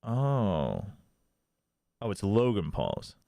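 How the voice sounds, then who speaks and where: Speaking extremely slowly with a creaky, dark, lowish voice and huge pitch swings, a man hosts a watch party stream, chatting with viewers and laughing a lot. He slips into Korean with a slight non-native accent, and the recording is dry.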